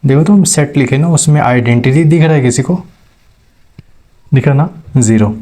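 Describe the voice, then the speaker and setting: A man's voice: medium pitch, normal speed, mellow. A man teaching maths step by step, checking in with his students as he explains. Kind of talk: classroom lecture.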